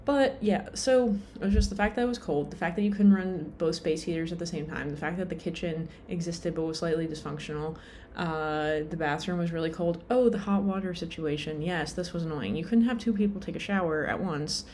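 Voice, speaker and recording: Speaking a little fast with few pauses, a tired-sounding young woman rambles through a casual vlog, full of fillers and jokes at her own expense. Her voice is lowish and darkish in tone, and there's slight background noise.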